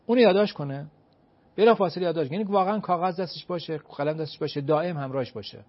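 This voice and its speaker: A man giving advice as an expert guest, emphatic, asking himself rhetorical questions and counting off his points one by one. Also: a little high. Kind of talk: explanatory advice talk. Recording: dull lo-fi recording.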